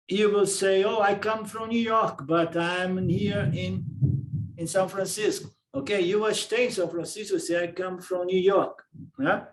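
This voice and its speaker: Brazilian-accented male teacher, slightly high voice, repeats himself and checks in often. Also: roomy sound. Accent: Brazilian Portuguese. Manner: repeats words, asks "okay?" to check understanding. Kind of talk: lecture on Vedanta philosophy.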